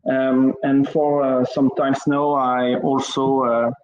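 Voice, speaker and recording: A man with a French accent presents a technical talk slowly, pausing often with hesitant fillers. His voice sits at a middle pitch. The recording sounds dull and lo-fi. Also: flat delivery, a little mellow, a little hiss or hum. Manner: hesitant, many fillers, apologetic. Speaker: network engineer presenting at a conference.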